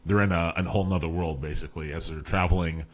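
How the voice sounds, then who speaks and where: A man's voice: low-pitched, steady tone, fast talker. A man hosting a casual podcast, retelling a book's plot with many fillers and restarts. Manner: rambling, lots of fillers and restarts. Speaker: podcast host. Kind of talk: casual book discussion.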